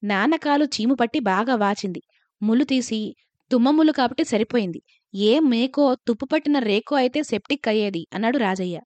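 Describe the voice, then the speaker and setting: A woman reading a first-person story aloud in a calm, measured narration. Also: fairly high pitch, no room sound, highs cut off.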